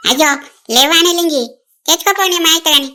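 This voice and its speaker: A woman's voice: very high-pitched, quick pace, pushed and bright, faint music behind. A woman voicing an old village woman on a pension who gossips and chatters. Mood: chatty. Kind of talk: cartoon voice acting.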